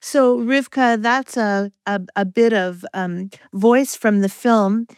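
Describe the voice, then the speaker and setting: Woman podcast host asking measured questions. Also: on the high side, steady tone, darkish tone, no room sound. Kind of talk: interviewing.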